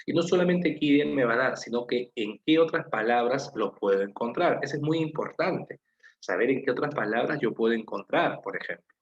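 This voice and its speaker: A Peruvian Spanish-accented man teaches a class over a video call. He explains with patience and keeps asking his students questions. His voice sits at a middle pitch and comes through a computer mic, echoey and a bit muffled. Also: expressive, fairly quick. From Peru. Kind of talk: online class lecture.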